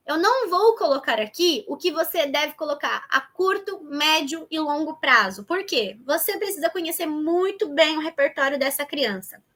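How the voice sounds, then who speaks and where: A Brazilian woman with a high voice explains her teaching method in an online lesson. Her tone is bright and clear, and she talks to viewers as if they were sitting beside her, often thinking aloud as she searches her notes. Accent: Brazilian Portuguese. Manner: conversational, addresses viewers directly, thinks aloud. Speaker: educator teaching child development planning.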